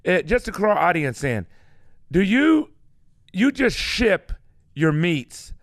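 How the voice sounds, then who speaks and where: Lively, chatty male radio host. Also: sits high, slow, dry recording, studio quality. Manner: chatty, stumbling interviewer. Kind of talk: casual interview.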